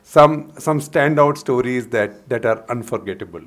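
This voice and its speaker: An Indian-accented man in his sixties moderates a talk on a hall stage. His pitch is average for a man. He puts questions haltingly, often repeating a word before going on. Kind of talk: on-stage interview. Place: indoor hall stage before a seated audience.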